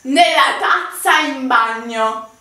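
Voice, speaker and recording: A young woman playing a casual game, giggly and repeating short phrases slowly in a bedroom. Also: high-pitched, sharp tone. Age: young adult. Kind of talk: casual playful game chat. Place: small bedroom, indoors. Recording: echoey room, slightly distant mic.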